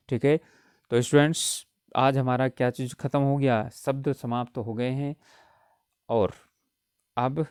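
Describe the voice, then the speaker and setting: Male tutor, exam-prep lecture, clear resonant tone, repeats points and checks in often. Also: mid-range voice, mellow, no echo, studio quality. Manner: explains patiently with frequent "ठीक है" check-ins; repeats key points for emphasis. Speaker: Hindi grammar teacher.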